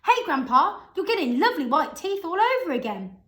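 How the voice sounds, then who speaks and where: An eager young boy from a storybook, voiced by a woman reader, bright and high. The room echoes around him. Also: sing-song, fairly quick.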